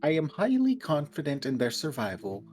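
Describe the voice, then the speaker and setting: A man playing a formal, overly literal character in a tabletop game, with stiff, measured phrasing. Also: fairly high pitch, huge pitch swings, a little mellow, soft background music. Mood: formally reassuring.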